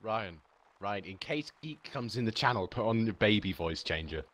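A man's voice: on the low side, lively intonation, moderate pace, fairly bright tone. A man joking and teasing his teammates on game voice chat. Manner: teasing and playful. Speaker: player in an online game.

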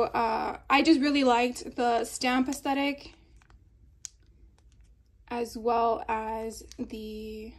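A woman in a casual haul video, talking chattily with fillers and little laughs while showing craft supplies at a table. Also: fairly high pitch. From Florida. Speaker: craft vlogger. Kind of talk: casual haul show-and-tell. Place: indoors at a table.

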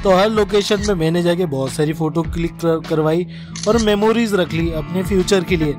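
A man's voice: sits high, over music. A young man with an Indori Hindi accent narrating a casual food vlog in a chatty, enthusiastic way. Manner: chatty, enthusiastic, listing items quickly. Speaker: food vlogger.

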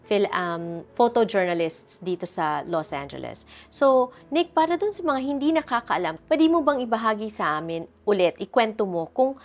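A woman's voice: mid-range voice, lively intonation, moderate pace. A woman hosting an interview show, asking her guest questions in a conversational tone and mixing two languages. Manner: conversational, mixes Tagalog and English.

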